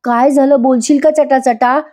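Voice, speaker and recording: A woman's voice: high voice, steady tone, normal speed, mellow, voice pushed up, natural voice. A woman voicing a worried young man who presses his brother with questions. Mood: pressing. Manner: pressing, demanding.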